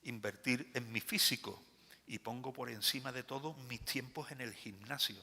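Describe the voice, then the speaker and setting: An animated male pastor with a Spain Spanish accent preaches with emphatic rhetorical questions. His voice is bright and gravelly. A long church reverb hangs on every phrase. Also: mid-range voice, normal speed. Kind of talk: sermon.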